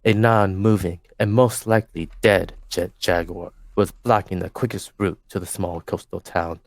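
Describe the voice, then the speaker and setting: A young man hosting a group reading, narrating fan fiction aloud in a steady voice with small slips and corrections, on a home mic over a voice call. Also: low voice, moderate pace, no room sound. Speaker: host and narrator.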